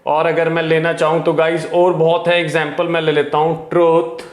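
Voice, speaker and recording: A man's voice: fairly high pitch, monotone, moderate pace, echoey room. A man teaching English grammar in Hindi, who keeps asking his students questions and answering them himself. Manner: asks questions then answers them himself, says "guys" often. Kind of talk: classroom grammar lesson in Hindi.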